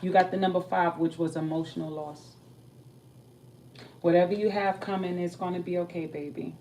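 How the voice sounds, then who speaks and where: A young adult woman with a fairly low voice speaks at a normal pace as she gives a tarot reading and chats about her night in a casual, streetwise manner, growing animated when she tells stories. Her voice is a bit far from the mic, with faint background noise.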